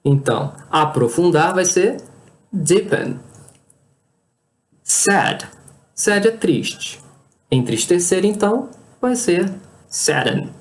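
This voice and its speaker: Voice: mid-range voice, expressive, slow pace, long pauses. A teacher, explaining a language lesson with patient care and reading word lists one word at a time. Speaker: English teacher.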